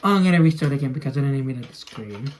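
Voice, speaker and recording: This toy video creator, a young adult man, speaks very fast in an expressive, medium-pitched voice with a darkish tone. He casually describes what he's doing as he handles toys in a hands-on demo for his home vlog. The clip comes from a small room at home and is noisy, with audible clicks.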